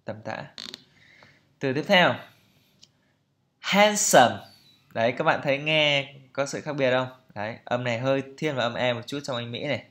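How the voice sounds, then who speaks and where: A man gives a pronunciation lesson in English, saying each word several times before patiently explaining how it should sound. His mid-range voice is a little bright, moving at normal speed with frequent pauses.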